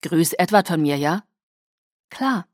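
An easygoing teenage werewolf boy with a friendly, relaxed way of talking, as a woman reads him for an audiobook. The sound is dry and close. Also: fairly low pitch, takes it slowly, no echo. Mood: cheerful.

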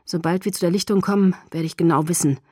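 A woman reading an audiobook, voicing a calm, protective young male vampire who speaks low and quietly through gritted teeth. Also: quick pace, breathy edge, no room sound, studio quality. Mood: tense, reassuring. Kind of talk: audiobook character voice.

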